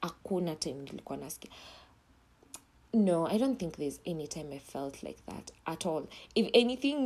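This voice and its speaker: A woman's voice: fairly low pitch, warm tone, slightly rough. A young woman with a Kenyan accent hosting her own podcast in a casual, blunt monologue, swearing freely and mixing in Swahili slang, sometimes dropping to a near whisper. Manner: drops to a whisper at times. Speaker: podcast host.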